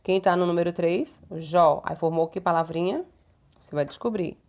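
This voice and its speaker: Brazilian woman, schoolteacher, slightly low voice, patient didactic delivery for young kids. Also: darkish tone. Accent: Brazilian Portuguese. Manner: slow, patient and didactic, stretching words out; uses many diminutives and checking tags. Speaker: primary school teacher. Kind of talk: recorded homework lesson for young children.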